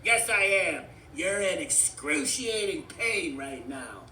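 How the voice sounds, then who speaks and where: A stubborn little shark toy from a storybook, played by a storyteller, barking out bluster at high volume. It is menacing and insistent, heard in a roomy recording. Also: very animated, slow pace, pushed and bright, heavily acted. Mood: blustering threats. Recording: roomy, distant mic.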